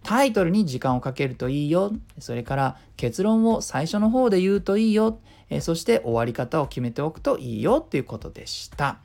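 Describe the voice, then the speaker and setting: Chatty man with lively, gravelly voice. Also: a little high, fairly quick, hardly any pauses. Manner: chatty, self-explaining, uses sound imitations. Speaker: podcast host. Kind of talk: casual solo talk with speaking tips.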